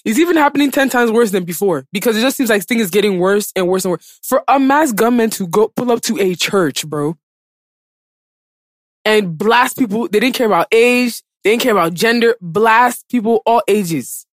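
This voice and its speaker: A woman's voice: medium pitch, normal speed, no room sound, studio quality. A woman podcast host talking casually but with passion, emphatic and repeating phrases to drive her points home. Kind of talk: impassioned casual podcast talk.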